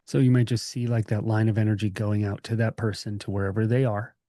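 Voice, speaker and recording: A meditation teacher with a dark, mellow, lowish voice leads a guided meditation gently and without a script. He speaks informally and calmly, pausing between phrases. The recording is dry, with almost no room sound.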